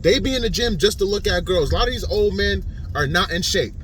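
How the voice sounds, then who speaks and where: Man, 30s, informal vlogger, slightly high voice, light street noise outdoors. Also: animated, fairly quick, a bit bright. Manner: informal, repetitive, addresses viewers as "man". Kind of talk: casual talking-head vlog.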